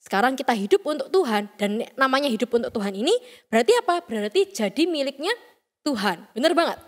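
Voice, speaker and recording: A young woman gives a chatty youth sermon, playfully acting out the voices she quotes. Her voice sits high and her words come fast. A long hall reverb trails behind her. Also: animated. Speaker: youth service speaker.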